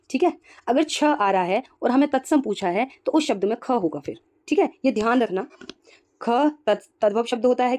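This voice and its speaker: A woman's voice: a little high, a little mellow. A woman teacher working through exam questions one by one and explaining each answer, often putting rhetorical questions to herself and confirming with "ठीक है.".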